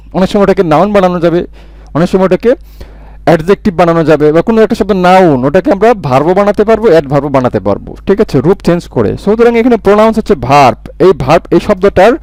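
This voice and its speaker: A man's voice: sits high, lively intonation, fast talker, a little mellow, dry recording. A man teaching an exam-prep English grammar lesson, repeating key words and asking and answering his own questions. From Bangladesh.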